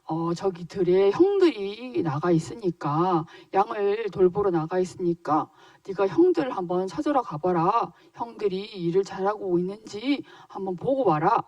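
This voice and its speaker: A woman voicing a calm, gentle elderly father giving his son an errand in a children's Bible story. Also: mid-range voice, moderate pace, hardly any pauses, no room sound, recorded from a distance, dull audio, lightly acted. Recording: dry voice a little off-mic.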